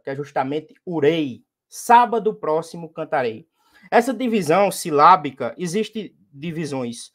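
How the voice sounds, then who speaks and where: A man's voice: high voice, fairly bright tone. A man with a Northeastern Brazilian accent, a poet teaching a workshop on verse meter and now and then declaiming verses with emphasis. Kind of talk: lecture on poetic meter.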